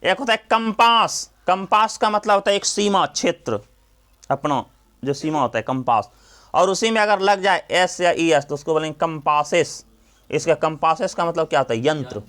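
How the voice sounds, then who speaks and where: A man's voice: on the high side, lively intonation, moderate pace, fairly bright tone. A male coaching teacher giving a classroom grammar lesson, drilling students with repeated questions and then answering them himself.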